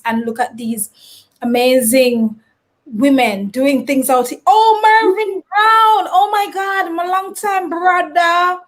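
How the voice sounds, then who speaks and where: A woman hosting a casual live stream interview, animated as she greets viewers and reads out their comments. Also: sits high.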